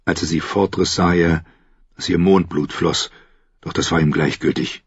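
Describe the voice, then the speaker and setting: A man reading an audiobook aloud as narrator, calm and even. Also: deep voice, normal speed, gravelly, husky, no echo. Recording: dry, dull close recording.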